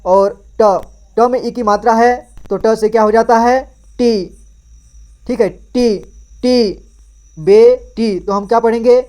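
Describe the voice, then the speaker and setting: A man's voice: very high-pitched, steady tone, unhurried, a little mellow, smooth. A man gives a patient reading lesson, building words syllable by syllable. He repeats each sound and keeps turning to the listener to read it back. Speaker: Hindi reading teacher.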